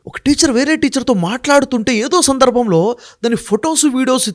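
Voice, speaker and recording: Speaking fast in a very high voice, a man explains his views as a sit-down interview guest. He presses each numbered point emphatically and directs rhetorical questions at the host.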